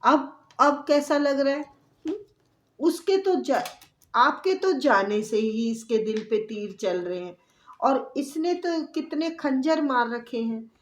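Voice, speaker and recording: A woman's voice: sits high, slow pace. A woman giving a tarot reading to her viewers, explaining the cards in a chatty, repetitive way and speaking to the listener directly. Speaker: tarot reader. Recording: echoey room.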